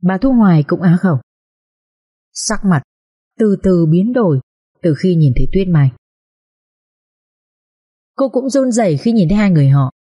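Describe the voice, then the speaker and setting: A woman narrating a family drama audiobook in an expressive, emotional reading. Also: lowish voice, moderate pace, long pauses, husky, dull audio.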